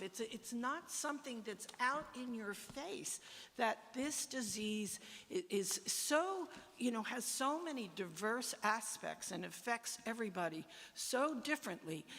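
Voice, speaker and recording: Woman advocate, emphatic, halting, frustrated, repeats herself, long reverb. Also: fairly high pitch, fairly bright tone. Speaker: patient advocate. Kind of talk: frustrated debate at a meeting.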